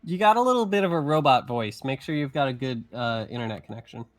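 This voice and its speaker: On an online voice chat, a game master running a tabletop game chats casually with his players in a mid-range, expressive voice at a quick pace. He rambles, peppering his talk with "like" and "um".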